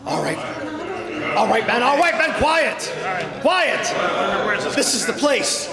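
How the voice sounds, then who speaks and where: A bossy police inspector from a radio crime play, acted by a man, excitable and barking orders. The voice sits very high and swoops about, ringing in an echoey hall. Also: takes it slowly, a loud crowd, full character voice. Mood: bossy, excited. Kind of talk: old-time radio crime drama acting.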